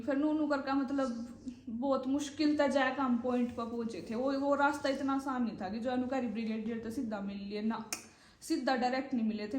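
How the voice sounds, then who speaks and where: A young woman recounts a trip in a rambling, chatty manner, her voice sitting high. She is recorded in a bare, echoey room at home, and her telling wanders from one detail to the next. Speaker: vlogger. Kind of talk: casual storytelling.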